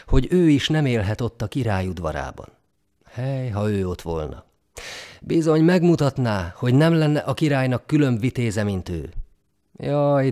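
A man reading a folk tale aloud in a dramatic, expressive storybook narration. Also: medium pitch.

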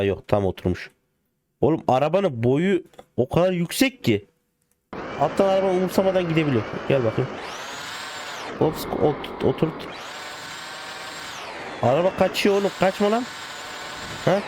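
A man giving casual gameplay commentary as a gaming video host, excitable and joking, playfully swearing and talking to the cars. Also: fairly high pitch, normal speed, pauses often. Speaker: gaming YouTuber. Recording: game car sounds in the background. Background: game engine and car noise.

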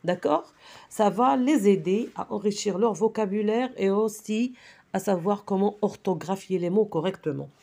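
A woman's voice: medium pitch, normal speed, gravelly, mellow. A middle-aged woman teaching a primary spelling lesson with patience, checking in often with the class and with parents. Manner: patient, repeats "d'accord?".

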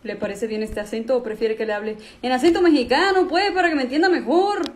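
A woman voicing a male genie on a budget, who talks in a folksy, drawn-out, playfully theatrical way. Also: high-pitched, fairly bright tone. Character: cheap male genie with a fake Mexican accent.

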